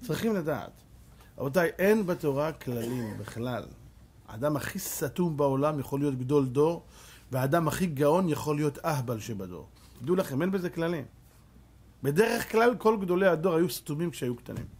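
A middle-aged man, a rabbi, giving a Torah lesson as an animated storyteller who acts out voices. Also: fairly high pitch, husky.

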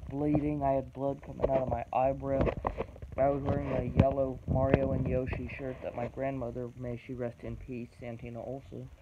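A man in his twenties telling a personal story, blunt and halting, swearing often, with strong emotion. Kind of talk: personal testimony to camera. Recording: dull low-fi recording with background noise.

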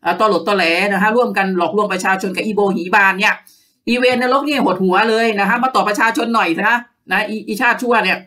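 A woman rails sarcastically through her political commentary, padding every phrase with polite particles. Her tone is bright and forceful. She sits some way back from the microphone. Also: medium pitch, distant mic. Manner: sarcastic, scornful, sprinkles polite particles constantly. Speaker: host of a political commentary page.

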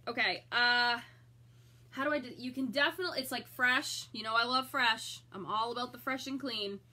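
A woman's voice: a little high, sharp tone. A middle-aged woman chatting with viewers as she unboxes a subscription box, enthusiastic and reacting aloud. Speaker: vlogger reviewing a subscription box. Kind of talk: live unboxing chat with viewers.

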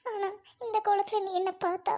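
A woman's voice: extremely high pitch, level tone, a little fast, mellow. A woman playing a grieving young widow, speaking in a sorrowful, pleading way as amateur drama acting.

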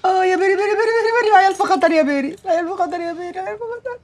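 A woman's voice: sits high, fast. An actress in a TV comedy series playing an anxious Egyptian mother who laments in a worried voice that her children are in danger. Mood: fretful. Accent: Egyptian Arabic. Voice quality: wailing, lamenting. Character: anxious middle-aged Egyptian mother of many sons.

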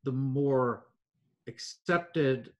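Older man, measured storytelling, lots of uh and um. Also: medium pitch, dull audio. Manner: measured storytelling with frequent fillers. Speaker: foundation president, guest. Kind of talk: conversational history interview.

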